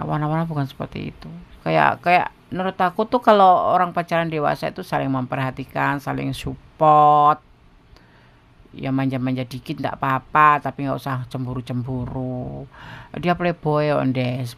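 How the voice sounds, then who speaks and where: Man, gravelly voice, blunt and frank, casual advice monologue, tarot reader. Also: medium pitch, a bit bright.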